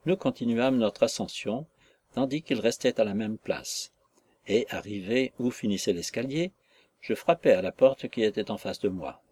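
A male audiobook narrator who reads in a measured, literary way. His voice is low and somewhat breathy, and it stays steady through long descriptive passages. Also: no echo.

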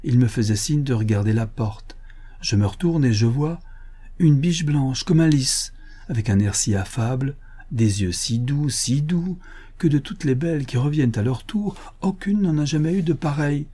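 A man's voice: medium pitch, lively intonation, normal speed, warm tone, voice pushed up, natural voice. A man reading a storybook voices a poor, devout peasant mother who sighs and pleads in distress. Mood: dreamy wonder. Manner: pleading and tearful.

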